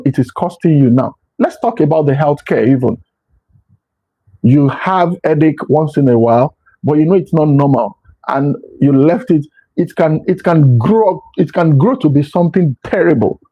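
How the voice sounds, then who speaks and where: Husky earnest man lecturing. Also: fairly high pitch, normal speed, mellow. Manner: earnest, preachy, repeats and restarts phrases. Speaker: motivational speaker. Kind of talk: motivational talk to camera. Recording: dull lo-fi recording.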